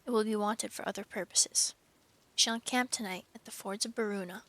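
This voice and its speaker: A woman reading aloud as a grave, stern male lion king, calm and measured. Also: mid-range voice, close to an everyday voice. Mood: solemn.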